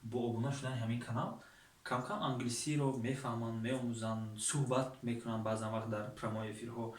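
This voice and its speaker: A man's voice: mid-range voice, little pitch movement. A man with a Tajik accent teaching English online, giving plain, patient explanations with many fillers. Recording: echoey room from far off.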